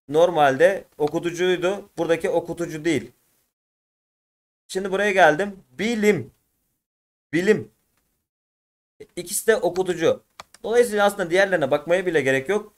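A man teaching an exam walkthrough lesson, addressing students as friends and drawing words out syllable by syllable. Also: high voice. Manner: slow, drawn-out syllable by syllable explanation.

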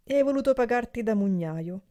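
Woman performing a pleading old porter, high strained voice, begging, audiobook character. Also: animated, a little fast, warm tone, lightly acted. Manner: pleading, sobbing, breathless entreaties.

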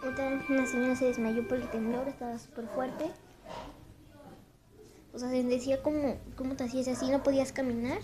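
A woman's voice: high-pitched, level tone, a little fast, over music. A young woman with a Mexican Spanish accent, shaken and trembling, retelling what just happened to her camera in a breathless, repetitive way. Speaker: vlogger. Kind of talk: shaken casual vlog to camera. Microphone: handheld camera mic. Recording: noisy home recording.

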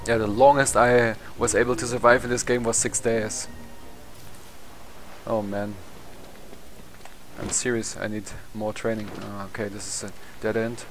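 Speaking on the low side with a slightly bright, flat delivery, a young German-accented man, not a native English speaker, commentates his gameplay at a measured pace, leaving long pauses. He rambles, swears and laughs at himself in casual let's play style while game music plays.

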